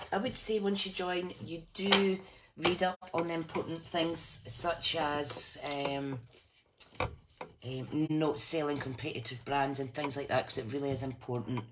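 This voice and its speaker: A woman from the west of Scotland with a Fife accent, chatting casually and informally to viewers as a craft demonstrator and team leader. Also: a bass voice. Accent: Fife, Scottish. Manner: chatty, informal, addresses listeners as guys. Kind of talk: casual live chat to viewers. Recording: clearly noisy room recording.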